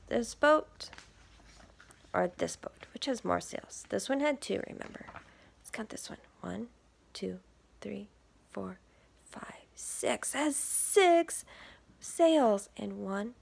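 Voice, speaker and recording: In a voice on the high side, a woman reads aloud from a picture book for young kids as a teacher might. She's expressive, asks questions, and shifts into hushed, breathy asides.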